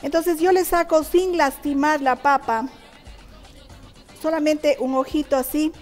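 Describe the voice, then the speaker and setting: A woman's voice: high voice, fairly even intonation, a little slow, faint music behind. A middle-aged woman, a cooking teacher on a TV show, chatting with viewers and explaining each technique step by step. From Ecuador. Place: TV studio kitchen.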